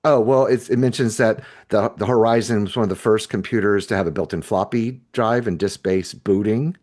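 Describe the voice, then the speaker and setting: A podcast co-host speaks a little fast in a lowish, slightly mellow voice. He discusses a book chapter in a casual, unscripted way, hesitant and rambling as he thinks aloud.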